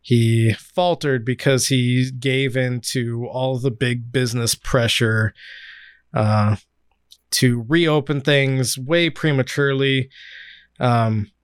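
A man's voice: medium pitch, steady tone, slow pace, clean tone, no echo, clean studio sound. A man from California hosting a casual political podcast, sardonic and rambling, with many fillers. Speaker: podcast host.

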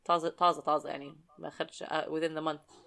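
A woman's voice: sits low, level tone, fast, gravelly, fairly bright tone. A woman with a Levantine Arabic accent chatting casually as a podcast co-host, switching between Arabic and English mid-sentence.

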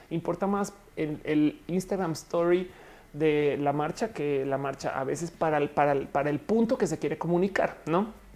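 Young woman streamer, Mexican Spanish accent, low and warm, chatty with viewers. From Colombia. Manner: chatty, reads viewer comments aloud. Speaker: live streamer reading chat. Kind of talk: casual live stream chat.

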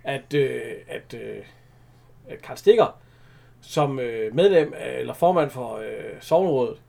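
Mand, afslappet snak, livlig tone, knirkende, ofte grinende. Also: male voice, mid-range voice, gravelly. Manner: laughing, animated, retelling scenes. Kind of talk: casual chat about an old film.

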